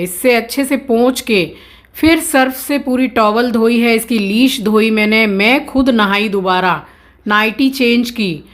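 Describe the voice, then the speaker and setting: A woman with a fairly high voice speaks to viewers in a casual home vlog. She explains pet care in an earnest, steady way. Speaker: vlogger.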